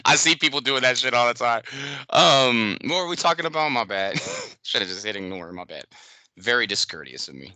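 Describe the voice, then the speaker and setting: Bright-voiced man in casual sports chat. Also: medium pitch, wildly swooping pitch, moderate pace, dry recording. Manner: loose, profane, trails off and restarts. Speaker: podcast co-host.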